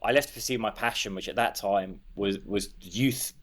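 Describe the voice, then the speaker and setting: A man's voice: fairly low pitch, moderate pace, fairly bright tone. A middle-aged man, a coach, talks as a podcast guest, telling his story in an informal, explanatory way. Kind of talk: casual interview storytelling.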